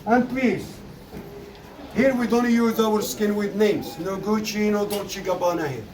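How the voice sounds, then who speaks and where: A man's voice: high-pitched, extremely slow, a crowd in the background. A man guiding visitors through a tannery in broken English, emphatic and joking. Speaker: tannery guide. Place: outdoors at a leather tannery. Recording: distant mic, faint ambience.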